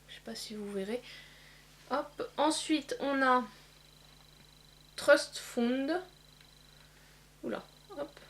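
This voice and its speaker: A woman demonstrating eyeshadow swatches in a casual vlog, pausing often with fillers. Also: on the high side, a bit bright. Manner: hesitant, many filler pauses. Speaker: beauty vlogger. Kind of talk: casual makeup swatch demo.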